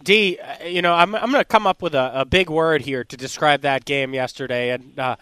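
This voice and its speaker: A man's voice: on the high side, normal speed, bright, forceful tone, clean tone, no echo. A man hosting a sports talk radio show, talking in an emphatic, worked-up rant. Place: live broadcast from a restaurant bar.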